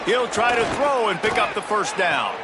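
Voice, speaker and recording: A man's voice: sits high, expressive, normal speed, heavy background noise. An American man giving play-by-play commentary on a football game. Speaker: play-by-play announcer. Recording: loud music and stadium crowd behind. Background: loud music, roaring crowd.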